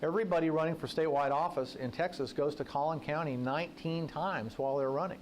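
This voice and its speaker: At a breakfast event, a guest speaker who is a political journalist tells anecdotes and cracks joking asides in a conversational, folksy talk. His voice is a little high and he talks fast, with slight background noise.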